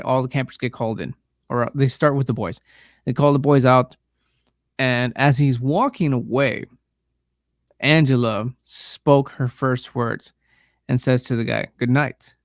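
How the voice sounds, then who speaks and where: A man hosting a podcast, casually recapping a horror film in a rambling, halting way, full of fillers, restarts and the odd swear word. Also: medium pitch, creaky, smooth, no room sound, studio quality. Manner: profane, laid-back. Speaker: podcast host reviewing a film.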